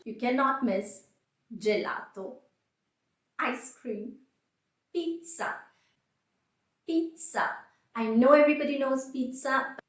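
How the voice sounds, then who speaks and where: A woman teaching a beginner Italian lesson, saying each word slowly and carefully and repeating it. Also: a little high, echoey room. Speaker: language teacher.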